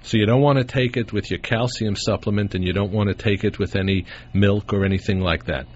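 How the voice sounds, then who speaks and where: A man's voice: fairly low pitch, fairly even intonation, brisk, darkish tone. A man hosting a call-in radio show, answering callers in a plain, matter-of-fact way, taped off the radio. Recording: dull radio taping, faint hiss.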